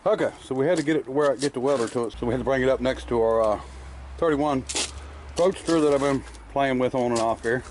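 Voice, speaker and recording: A man's voice: mid-range voice, quick pace, darkish tone, a little hiss or hum. A man talking casually about restoration work in his workshop, rambling with lots of fillers while chewing candy. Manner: rambling, plainspoken, many fillers. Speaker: car restorer showing his shop work. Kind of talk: casual shop vlog narration. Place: workshop garage.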